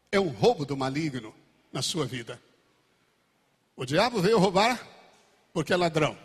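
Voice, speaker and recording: A male pastor with a Brazilian Portuguese accent preaching a sermon, swinging between loud exclamations and quiet asides. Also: sits high, slightly rough. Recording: echoey church hall.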